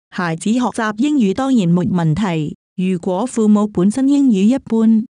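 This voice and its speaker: A woman reading a newspaper column aloud in an even, steady recital. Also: medium pitch, no room sound, studio quality. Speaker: reader.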